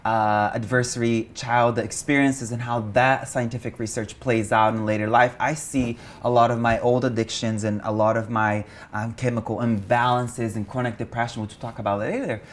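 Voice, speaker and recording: A man from Brazil, speaking as an interview guest in an open, expressive way and swearing casually. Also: medium pitch, normal speed, few pauses. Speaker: guest, meditation teacher and coach. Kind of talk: candid interview chat.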